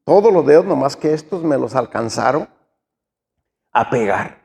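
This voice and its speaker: A man's voice: medium pitch, animated, moderate pace, creaky, a little mellow. A middle-aged man, preaching an earnest sermon and addressing his listeners as dear brother. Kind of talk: sermon testimony. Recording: long hall reverb.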